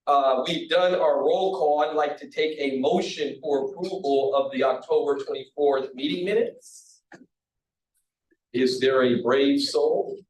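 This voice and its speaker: A man chairing a college council meeting, relaxed and joking between agenda items. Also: on the high side, a little slow. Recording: echoey room from far off, faint hiss.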